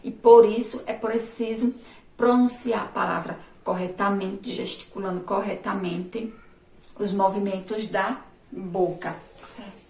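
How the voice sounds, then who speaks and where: Slow-talking Brazilian teacher woman, echoey. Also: medium pitch, steady tone, vocal fry, far from the mic. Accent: Brazilian Portuguese. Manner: asks the class questions and answers them herself; sounds out syllables slowly and loudly. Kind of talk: remote classroom lesson. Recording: roomy echo, voice from off mic.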